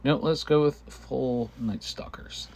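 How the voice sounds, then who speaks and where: A man narrates his own gameplay at a slow, halting pace. He sounds casual and hesitant, working things out aloud, and he has a cough that keeps him clearing his throat. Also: medium pitch, steady tone, darkish tone.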